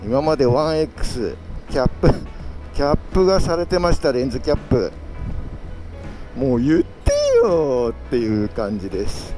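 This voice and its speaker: Guy rambling on his motorbike vlog inside his helmet, pitch really up and down, music in the back. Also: expressive, normal speed, dark tone. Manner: talking inside a full-face helmet. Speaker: motovlogger. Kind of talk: casual solo vlog chat while riding. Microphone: action camera with external mic adapter.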